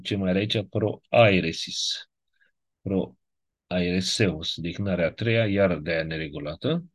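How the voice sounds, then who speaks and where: A man whose voice sits low teaches biblical Greek in an online lecture, recorded without room sound. He breaks things down step by step and often checks in with listeners.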